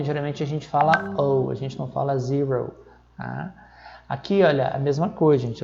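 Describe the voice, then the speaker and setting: A Brazilian man teaching English numbers in a recorded lesson, explaining step by step and reading the numbers out slowly, often checking in with a quick "tá?". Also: on the high side, creaky, dark tone, highs cut off. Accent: Brazilian Portuguese. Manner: checks in with frequent "tá?".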